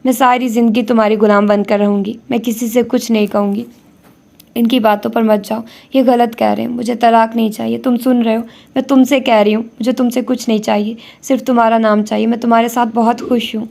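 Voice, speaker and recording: A desperate young wife pleads through tears in a romance audiobook, as a woman narrator reads her. The voice is dark and mellow. It keeps a level, narrow melody. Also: a little high, level tone, vocal fry. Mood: pleading. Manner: pleading, tearful.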